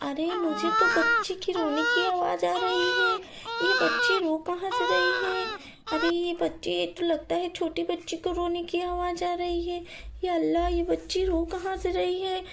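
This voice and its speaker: A woman voicing a brave passerby who finds a crying baby and shouts a lion away. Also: extremely high pitch, steady tone, measured pace, gravelly, heavy background noise, full character voice. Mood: alarmed. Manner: shouting, shooing.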